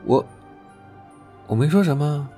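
A woman voicing a doting young husband who talks gently and coaxingly, with a hint of menace. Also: deep voice, lively intonation, a little slow, faint music behind, voice pushed down. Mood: defensive. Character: doting young husband, soft-spoken, quietly sinister.

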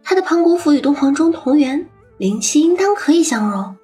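A woman's voice: sits high, expressive, a little fast, warm tone, faint music behind. Woman voicing a thoughtful young hero, distant mic. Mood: earnest.

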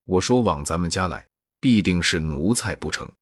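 Doting young nobleman, read by a man, coaxing, deep and husky. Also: expressive, normal speed, no room sound, studio quality.

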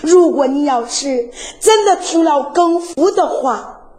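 Woman doing a teary warrior girl begging her dad, high and slow. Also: expressive, darkish tone. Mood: pleading. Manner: tearful pleading. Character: young woman warrior, tearful daughter.

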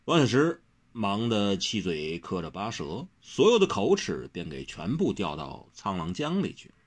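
A man reading a martial-arts novel aloud with a dramatic, lively delivery. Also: fairly low pitch, measured pace. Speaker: narrator. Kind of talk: expressive storybook reading.

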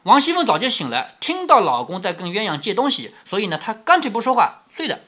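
Lively-voiced male storyteller explaining a classic novel. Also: sits high, fast talker. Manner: chatty explaining, rhetorical questions. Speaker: storyteller reading a classic novel to his daughter. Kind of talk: storytelling with commentary.

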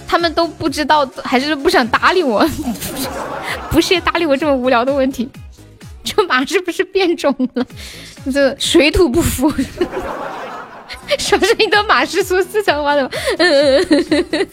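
A woman's voice: sits high, moderate pace, soft background music. A playful young woman from Sichuan chatting on a livestream while gaming, giggling and letting out yelps and shrieks. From Sichuan, China.

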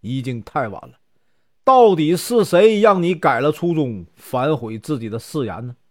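A man's voice: a little high, animated, moderate pace, a little mellow, no echo, clean studio sound, close to an everyday voice. A man voicing a grieving old Taoist master. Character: sorrowful Taoist master grieving his doomed disciple.

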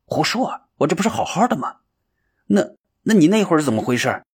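A man voicing Shanzi, an excitable and easily frightened young male villager who stammers and exclaims, in a storybook reading. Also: fairly high pitch, fairly quick, slightly rough, voice pushed up, exaggerated voice. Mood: exasperated.

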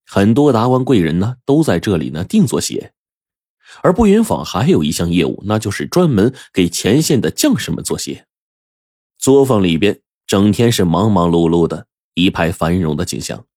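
Deep husky male storyteller. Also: no room sound, clean studio sound. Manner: lively, expressive, colloquial. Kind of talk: traditional storytelling narration.

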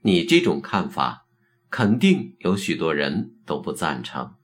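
A man voicing a terse, probing elderly Zen master in a told story, low and measured. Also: huge pitch swings, heavily acted. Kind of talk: storytelling narration.

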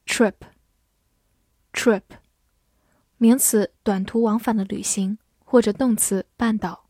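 A woman teaching English vocabulary in a lesson, spelling words out letter by letter and speaking slowly and deliberately. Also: mid-range voice, fairly even intonation, warm tone, no echo, studio quality.

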